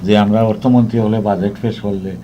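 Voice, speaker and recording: A man's voice: on the low side, steady tone, fast talker, muffled recording, slight background noise. A man from Sylhet with a Sylheti Bengali accent, a discussion guest who talks reflectively and drifts between examples. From Sylhet, Bangladesh. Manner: reflective, digressive, recites folk rhymes and songs. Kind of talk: studio discussion.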